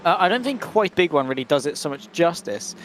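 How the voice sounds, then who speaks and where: Wry male motorsport co-commentator, slightly high voice. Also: animated, fairly quick, fairly bright tone, a little hiss or hum. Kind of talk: casual race commentary chat.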